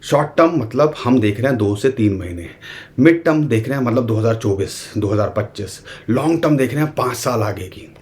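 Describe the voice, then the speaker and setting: A man's voice: mid-range voice, animated, a little fast, a little mellow. A man with an Indian accent giving a casual, conversational market analysis straight to his viewers, speaking as "we". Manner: conversational, addresses viewers directly, uses the royal we. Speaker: crypto market commentator.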